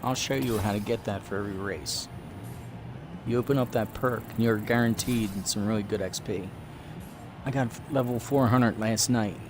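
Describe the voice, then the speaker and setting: A man's voice: lowish voice, moderate pace, over music. A man in his fifties chatting casually to his live stream audience while playing a racing game. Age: 50s. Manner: chatty, rambling, talks to live chat. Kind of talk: casual gameplay commentary.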